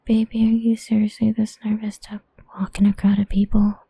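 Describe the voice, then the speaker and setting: Husky whispering woman, dark and low. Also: monotone, brisk, no room sound. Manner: soft teasing whisper, murmured hums. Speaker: audio roleplay performer. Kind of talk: whispered intimate audio roleplay.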